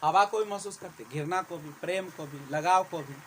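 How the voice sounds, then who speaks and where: A man's voice: high-pitched, slight background noise, poor audio. A man teaching English in a classroom, questioning his students as he explains. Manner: quizzes the class, slow and drawn out. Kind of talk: classroom lecture.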